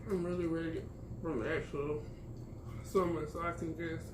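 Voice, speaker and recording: A man's voice: fairly high pitch, little pitch movement, moderate pace. A man chats casually and ramblingly as a mukbang host, eating a sandwich and crunchy chips between remarks. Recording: roomy, distant mic, clearly noisy.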